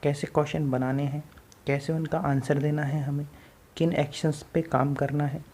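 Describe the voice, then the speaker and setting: Indian man teaching English, mellow voice. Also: fairly high pitch, flat delivery, moderate pace, breathy edge. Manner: repetitive, drilling examples, mixing Hindi and English. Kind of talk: classroom grammar lesson.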